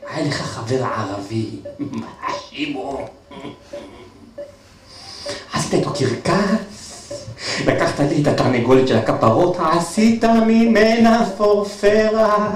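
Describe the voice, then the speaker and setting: A man's voice: on the high side, expressive, slight background noise, natural voice. A man playing a doting, dramatic mother. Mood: fond. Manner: fond, theatrical, pleading. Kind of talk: one-man stage comedy. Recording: echoey theater from a distance, with music.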